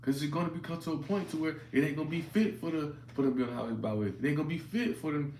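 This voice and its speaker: A man giving informal scripture teaching who keeps checking in with "right?" and restarts his phrases, sometimes reading verses aloud slowly. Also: fairly high pitch, darkish tone. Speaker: religious teacher. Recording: echoey room with faint ambient noise.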